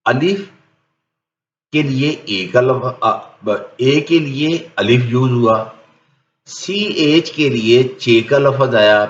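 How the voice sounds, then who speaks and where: A man's voice: medium pitch, a bit bright. A man, a native Urdu speaker, explaining an English lesson plainly and methodically, one step after another. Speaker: English teacher. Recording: echoey room, dull lo-fi sound.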